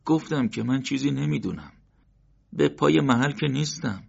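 A man's voice: medium pitch, expressive, gravelly, darkish tone, breathy edge, pitched above the performer's own voice, exaggerated voice. A man voicing a frightened older male shopkeeper who pleads and defends himself, in an audiobook. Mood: defensive. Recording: dull lo-fi recording.

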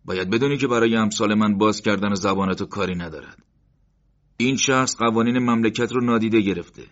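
A man's voice: fairly low pitch, voice pushed up, natural voice. A man voicing a menacing male secret-police interrogator who threatens and sneers, in an audiobook. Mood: threatening. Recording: dull lo-fi recording.

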